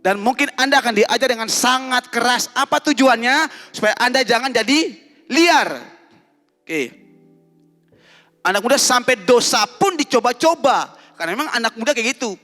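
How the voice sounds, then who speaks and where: A man preaching a lively youth sermon in a church, teasing and quizzing the congregation with call-and-response. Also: extremely high pitch, long reverb tail. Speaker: pastor.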